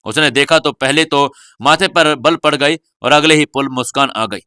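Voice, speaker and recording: A man narrating a serialized audio novel in a steady storytelling manner. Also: fairly high pitch, moderate pace, clean tone, dry recording, clean studio sound. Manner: steady storytelling, voicing every character.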